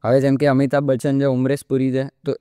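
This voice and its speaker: A man's voice: mid-range voice, fast talker, smooth, no room sound, clean studio sound. A young man in his early twenties, a mimicry artist from India, talking casually as a podcast guest and sprinkling in English fillers. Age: young adult, early 20s. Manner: relaxed explaining, often drops in English fillers like "like". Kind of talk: casual interview talk.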